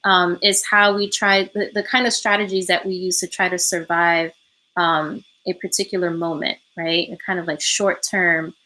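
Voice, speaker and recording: Bright-voiced woman leading a healing workshop. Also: lowish voice, little pitch movement, moderate pace, rough recording. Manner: frequent ums, ends points with "right?". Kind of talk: reflective online workshop talk. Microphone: remote call from home.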